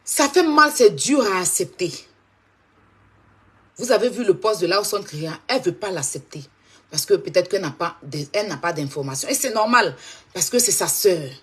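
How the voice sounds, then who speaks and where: A woman's voice: lowish voice, expressive, moderate pace, breathy edge. A woman hosting a live stream, talking straight to her viewers and repeating her points insistently.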